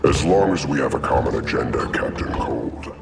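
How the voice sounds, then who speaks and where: A man voicing an imperious gorilla warlord villain in a game drama, gravelly and grandiose. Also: extremely low pitch, expressive, moderate pace, exaggerated voice. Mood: cold, commanding. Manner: grandiose, commanding oratory. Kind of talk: scripted video game drama. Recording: loud music underneath.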